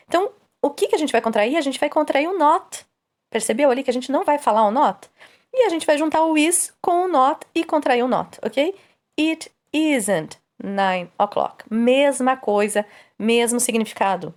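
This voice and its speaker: A woman teaching English grammar, asking questions and answering them herself. She reads the English examples slowly and explains at a quicker pace. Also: fairly high pitch. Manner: asks and answers her own questions.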